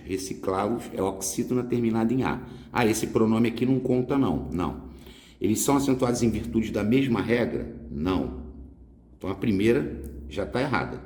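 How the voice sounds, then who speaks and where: A man's voice: on the low side, a little mellow. A man teaching a casual exam prep grammar lesson, explaining step by step and answering his own questions. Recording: echoey room with long reverb.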